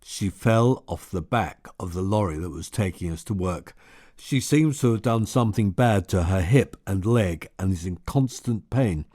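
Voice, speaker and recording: A man's voice: deep voice, lively intonation, normal speed, a little mellow, no echo, studio quality. A man voicing a rude, blunt middle-aged laborer in an audiobook. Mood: gruff. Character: gruff, rude middle-aged male plantation worker.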